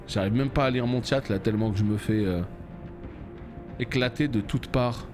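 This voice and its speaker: A man streaming a game live, reacting loudly, swearing and talking to his chat. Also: medium pitch, normal speed. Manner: excitable, swears, talks to chat. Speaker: gaming streamer. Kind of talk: live let's play commentary. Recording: music playing behind.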